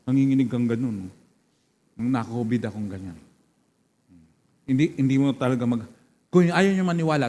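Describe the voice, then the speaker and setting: A man's voice: mid-range voice, mellow. A man preaching a sermon as pastor, throwing questions and calls of praise to the congregation. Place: church hall. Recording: long church reverb.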